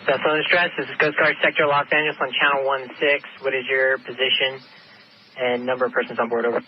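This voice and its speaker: A man's voice: medium pitch, little pitch movement, quick pace. A man working as a Coast Guard radio operator, making clipped procedural calls over a marine radio. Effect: marine radio transmission. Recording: muffled noisy radio recording from afar.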